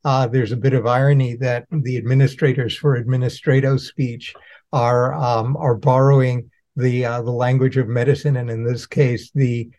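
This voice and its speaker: A man's voice: medium pitch, level tone, normal speed, darkish tone. A man co-hosting a casual podcast chat, wordy and full of dry wisecracks. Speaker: podcast co-host. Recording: dull lo-fi sound.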